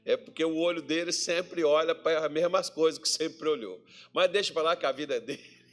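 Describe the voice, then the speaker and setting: A Brazilian man preaching a sermon as pastor in a church hall, chatty and joking with the congregation. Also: a little fast. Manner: jokey, chatty preaching with lively pitch swings.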